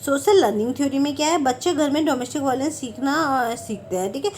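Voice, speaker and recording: High-pitched woman teaching a class, goes step by step, says "okay" a lot, a bit of hiss behind. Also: fast talker, darkish tone. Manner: explains step by step, often checks in with repeated "okay". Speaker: home science teacher. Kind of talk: Hindi lecture for exam students.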